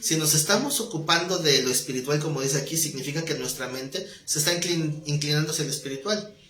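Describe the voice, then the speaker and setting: A man teaching a Bible study class, keeping it conversational and quizzing his students with quick questions. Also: fairly high pitch, sharp tone. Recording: roomy echoing classroom.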